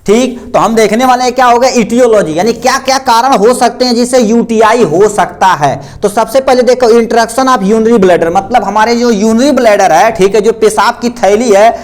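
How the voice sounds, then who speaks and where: A man's voice: extremely high pitch, moderate pace, hardly any pauses. A man teaching a pharmacy class, explaining terms with a diagram and answering his own repeated questions.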